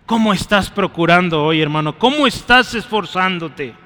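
A man's voice: high voice, lively intonation, normal speed, sharp tone, big-room sound. A man preaching a sermon and closing in prayer, urging his listeners and often checking in with a short "right?" and "brother". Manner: exhorting, often adds "¿sí?" and "hermano" to his phrases.

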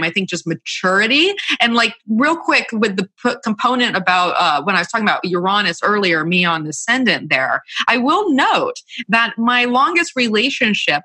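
Lively, bright woman astrologer. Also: medium pitch, no room sound. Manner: reflective, explains personal chart. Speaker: astrologer co-host. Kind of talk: casual podcast conversation.

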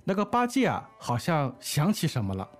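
A man's voice: on the high side, wildly swooping pitch, moderate pace. A man co-hosting a language lesson podcast, chatting and explaining a story, with faint music.

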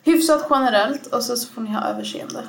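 Hesitant woman co-hosting a podcast. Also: a little high. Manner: hesitant, lots of fillers and hedging. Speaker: podcast co-host. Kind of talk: casual podcast chat.

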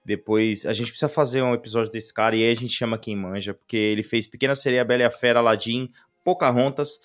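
A man's voice: medium pitch, steady tone, quick pace. A man with a Brazilian Portuguese accent, co-hosting a casual film chat in an informal, slangy way, enthusiastic and emphatic, often repeating himself for stress. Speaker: podcast co-host. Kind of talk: casual chat about films.

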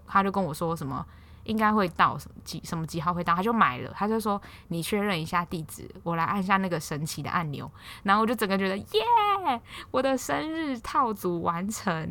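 A young Taiwanese-accented woman in her twenties hosts a solo podcast in a casual, rambling way. Her voice sits somewhat low but sounds bright and crisp, and she talks at a quick clip. She keeps circling back and restarting her sentences as she tells the story. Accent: Taiwanese Mandarin. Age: 20s. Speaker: podcast host.

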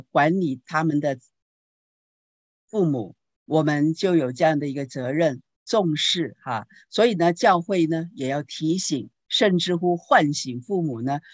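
A woman pastor giving a teaching talk on parenting, telling anecdotes in a lively way and asking the audience questions. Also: low voice, no room sound. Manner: lively storytelling with rhetorical questions.

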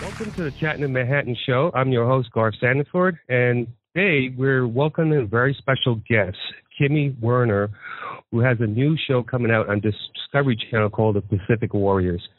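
A man hosting a radio interview show, asking questions in a halting way with uhs and quick laughs. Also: mid-range voice, dry recording. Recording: tinny phone-like line, dry.

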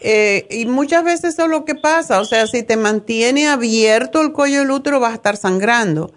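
A woman's voice: fairly high pitch, moderate pace. Direct woman hosting health call-ins. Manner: direct, opinionated, familiar with callers. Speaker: radio health advice host. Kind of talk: conversational call-in health advice.

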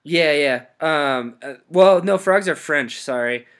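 A young man hosting a podcast, riffing absurd jokes in a deadpan way and laughing often. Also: fairly high pitch, a little slow. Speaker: podcast host. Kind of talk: joking casual chat.

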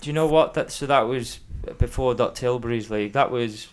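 A man's voice: medium pitch, fairly quick, clear, resonant tone. A man in his thirties with a mild Isle of Man accent, chatting casually as an interview guest and hesitantly thinking aloud. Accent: fairly neutral Manx. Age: 30s. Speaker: podcast guest, former athlete.

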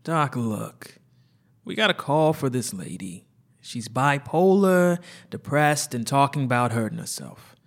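A man voicing a blunt police officer who briefs a doctor in a loud, forceful rush. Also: mid-range voice, expressive, unhurried, voice pushed up. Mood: exasperated.

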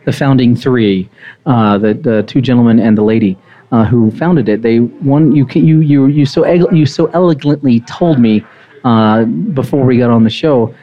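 A man's voice: medium pitch, normal speed, warm tone, highs cut off. A man hosting a live talk show, upbeat and rambling, often repeating words as he interviews a guest. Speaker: host. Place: restaurant with live audience.

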